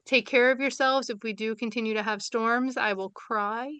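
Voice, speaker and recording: A woman's voice: a little high, fairly even intonation, normal speed, a bit bright, clean tone, dry recording. A woman with a New York accent from Brooklyn, chatty and enthusiastic, with many fillers, wrapping up a webinar over a video call. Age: adult with young children. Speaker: seminar moderator. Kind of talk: closing remarks on a webinar.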